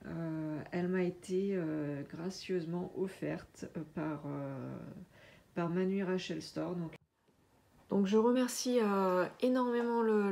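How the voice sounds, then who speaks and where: A woman chatting casually through a craft unboxing, hesitant with many filler pauses. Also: medium pitch, a little mellow. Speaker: diamond painting vlogger.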